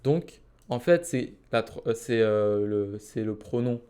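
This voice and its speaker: A man teaching a Quranic Arabic lesson, patiently explaining and reciting Arabic phrases slowly. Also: on the low side, lively intonation, mellow, clean tone.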